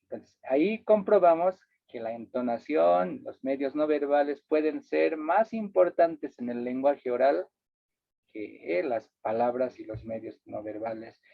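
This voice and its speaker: A man's voice: mid-range voice, measured pace, creaky, dry recording. Man lecturing over a tinny line. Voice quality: tag questions to the audience, repeats words for emphasis. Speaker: workshop instructor. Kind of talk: lecturing to a workshop. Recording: dry, tinny phone-like line.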